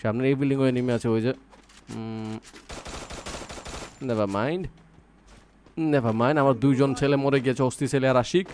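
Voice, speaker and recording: A man's voice: medium pitch, flat delivery, fairly quick, a little mellow, a little hiss or hum. A young man giving casual, playful commentary while playing a mobile shooter, teasing his opponents and coaching his teammates. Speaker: mobile game streamer.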